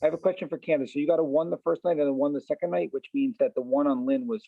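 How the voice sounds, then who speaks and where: A man's voice: fairly high pitch, fairly even intonation, racing, creaky, no echo. A man casually questioning and arguing as a player in a game, over a tinny voice chat. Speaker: player in an online social deduction game. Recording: tinny, narrow voice-chat line.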